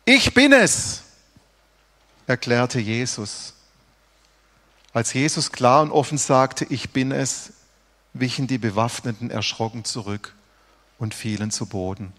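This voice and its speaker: A man preaching a sermon earnestly, rising for emphasis and dropping to hushed, dramatic lines. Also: mid-range voice, fairly even intonation, unhurried, long pauses, in a large hall. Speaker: pastor.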